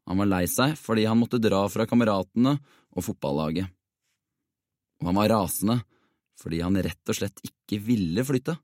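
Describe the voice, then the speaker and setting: A man narrating a children's novel in a steady, expressive audiobook reading. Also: fairly low pitch, no echo, studio quality.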